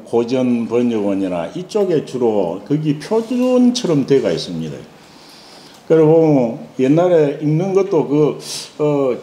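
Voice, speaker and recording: Male lecturer, sing-song chanted reading, pitch that rises and falls a lot, echoey lecture room with faint hiss. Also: warm tone. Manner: chants slowly in a sing-song, then explains with many fillers. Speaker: classical Chinese teacher.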